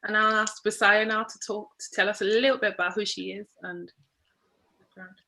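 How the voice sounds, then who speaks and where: A woman's voice: mid-range voice, flat delivery, brisk, sharp tone, rough recording. A woman hosting an online panel, speaking earnestly and restarting her sentences. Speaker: host.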